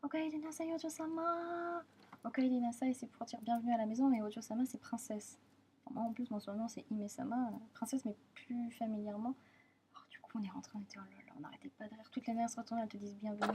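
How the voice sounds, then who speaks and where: Gushing young woman with a high voice. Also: darkish tone, a little hiss or hum. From France. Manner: gushing, repeats words and trails off. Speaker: vlogger. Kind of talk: casual travel vlog chat.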